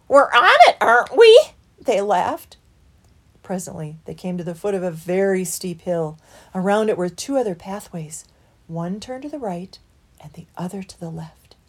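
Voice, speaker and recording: A woman reading a bedtime story aloud to children, hushed and sometimes dropping to a whisper. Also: fairly low pitch, breathy edge.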